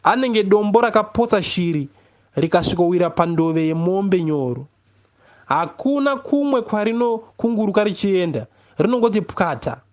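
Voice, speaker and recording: His voice sits high as this Zimbabwean-accented man, a poet reading a novel, delivers a first-person literary story. The reading is expressive and measured, marked by deliberate pauses.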